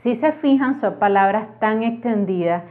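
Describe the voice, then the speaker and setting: A woman with a Latin American Spanish accent teaches a language lesson, explaining each point clearly and methodically with examples. Her pitch is fairly high and her speed normal, and the audio is narrow and phone-like.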